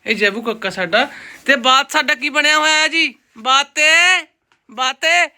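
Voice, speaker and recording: A woman's voice: sits high, measured pace, sharp tone. A woman with a Punjabi accent hosting a casual family vlog, playfully teasing and chatting. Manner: playful teasing, repeats words in baby talk. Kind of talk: casual chat to camera and family.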